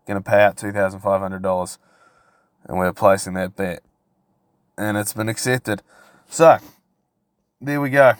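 A man's voice: sits low, little pitch movement, moderate pace, long pauses, dry recording. A man hosting a solo podcast, ranting casually in a brash, sweary, tongue-in-cheek frat-bro manner. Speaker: podcast host.

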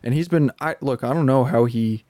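Mellow-voiced laid-back male podcast host. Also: medium pitch, fairly quick, no echo, clean studio sound. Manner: easygoing, talkative, laughs between points. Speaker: podcast co-host and hypertrophy coach. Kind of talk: casual chat.

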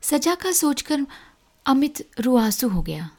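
Slow-paced woman narrating a story. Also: high-pitched. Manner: slow, expressive reading with voiced dialogue.

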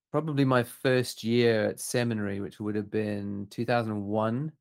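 Here a photographer guest, a middle-aged man from Southern Africa, speaks reflectively in an interview, sounding thoughtful, frank and self-questioning. His voice is gravelly with a fairly low pitch.

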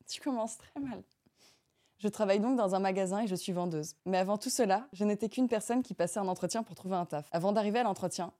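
A young woman hosting a casual podcast, reading listener stories aloud and reacting with animated laughter. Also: mid-range voice. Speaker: podcast host.

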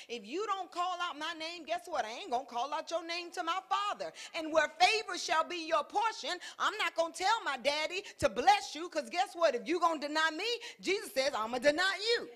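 High, bright-voiced woman preaching. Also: lively intonation, a little fast, few pauses. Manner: call-and-response preaching, swings from soft to shouting; colloquial, rhythmic repetition. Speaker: pastor. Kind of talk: sermon.

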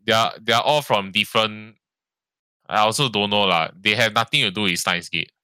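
Man, casual co-host; bright, sharp, low voice, rambling, dry mic. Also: a little fast, smooth, dry recording. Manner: rambling, frequent "lah" and "ah" tags, swears. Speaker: podcast co-host. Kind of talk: casual chat.

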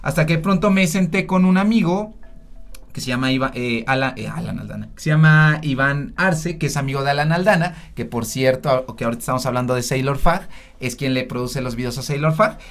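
A man's voice: mid-range voice, a little fast. A man with a Mexican accent, a doctor telling his story on a panel in a sarcastic, joking way. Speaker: doctor and social media health creator. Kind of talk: panel talk, personal storytelling.

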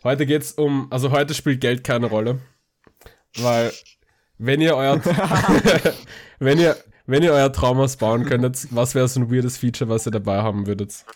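Laughing young podcast host. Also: male voice, medium pitch, fairly even intonation, a little slow. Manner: laughs often, stumbles over words. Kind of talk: casual chat among friends.

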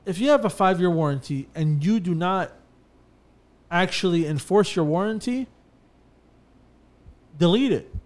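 A man's voice: high voice, a little slow, pauses often. A man who runs a bathtub refinishing business, chatting casually on a podcast and telling stories with lots of fillers and restarts. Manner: animated storyteller, many fillers and restarts.

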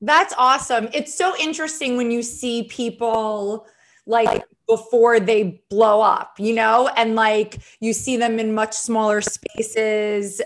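A woman comedian hosts a podcast. She talks in a chatty, rambling way full of "like," with a fairly high voice. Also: steady tone, slow. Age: 30s. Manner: chatty, heavy use of "like". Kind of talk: casual podcast chat.

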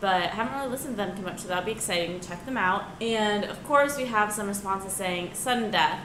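A woman's voice: mid-range voice, fairly quick. A young woman chatting casually and enthusiastically as a podcast co-host. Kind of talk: casual chat. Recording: roomy echo, clear background noise.

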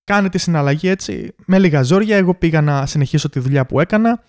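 Animated young man telling shop stories. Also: fairly high pitch. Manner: animated, mimics customers in quotes. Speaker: podcast host. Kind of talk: casual storytelling monologue.

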